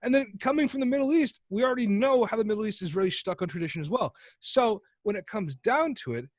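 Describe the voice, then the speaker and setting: Excitable high-voiced man telling stories. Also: fast, dry recording, clean studio sound. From United States. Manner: rambling, profane storyteller who acts out quoted characters. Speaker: podcast co-host. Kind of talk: casual chat.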